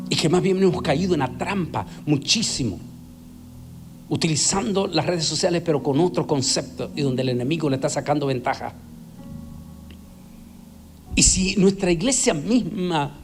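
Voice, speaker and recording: Male evangelist, fiery sermon delivery, repeats key words, slightly raised pitch. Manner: emphatic, repeats words for stress. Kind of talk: preaching sermon.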